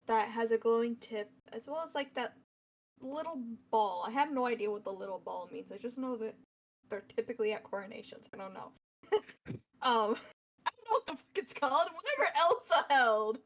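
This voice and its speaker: A woman running a tabletop role-playing session on a live stream, her voice sitting a bit high. She narrates loosely, with plenty of fillers and off-hand asides. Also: rough recording. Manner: rambling, full of fillers and asides. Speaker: game master.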